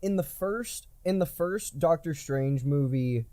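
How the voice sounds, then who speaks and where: A man hosting a podcast in casual chat, from the United States, rambling and swearing with excitable energy. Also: fairly high pitch, unhurried, dry recording. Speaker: podcast host.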